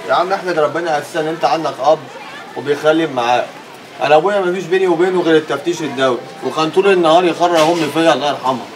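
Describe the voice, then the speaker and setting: A man's voice: a little high, rapid-fire, a crowd in the background, background noise, lightly acted. An actor playing a streetwise young man who talks in casual slang, with an Egyptian accent. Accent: Egyptian Arabic.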